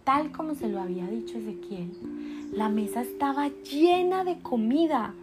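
A mother tells a bedtime story from bed, recorded on a nearby phone. She narrates gently and unhurried in a fairly high voice, with guitar music playing behind. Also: animated. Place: bedroom, in bed.

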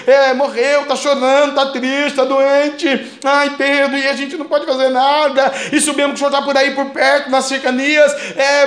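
A man's voice: very high voice, echoey room, voice pushed up. A male preacher voicing grieving women who plead with Peter, in a pleading, half-sobbing manner.

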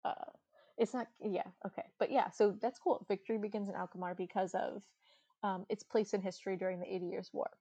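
A woman's voice: mid-range voice, steady tone, a little fast, mellow, breathy edge, dry recording, dull audio. A woman co-hosting a casual travel podcast, chatty and giggly, with lots of fillers. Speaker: podcast co-host.

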